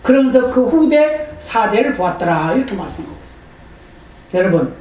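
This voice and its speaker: A man's voice: sits high, sing-song, brisk, a little mellow. A male pastor preaches in a church sanctuary, telling the story with animation and voicing the people in it. He is heard from a distance, and his voice rings through a large, very echoey hall. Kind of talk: sermon.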